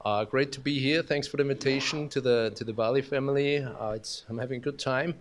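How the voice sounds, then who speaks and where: Speaking in a conference hall, an Austrian-accented keynote speaker stumbles along with frequent fillers and restarts, joking at his own expense. His voice is medium-pitched and steady.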